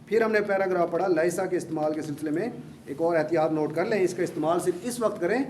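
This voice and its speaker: A man's voice: a little high, darkish tone. A man teaching grammar to a class, repeating key points patiently and encouraging his students. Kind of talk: classroom lecture. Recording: echoey room, faint background hum.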